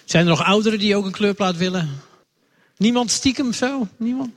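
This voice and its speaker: A Dutch man with a fairly high voice leads a children's sermon in a church hall. He talks to the kids in a friendly, chatty way, wandering about with a wireless mic. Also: normal speed. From Netherlands. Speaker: lay preacher. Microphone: wireless microphone, moving around.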